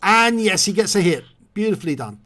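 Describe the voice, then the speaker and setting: A man calls the play in a video game replay, explaining things calmly but briskly. His voice is high and hoarse, a leftover from a cold.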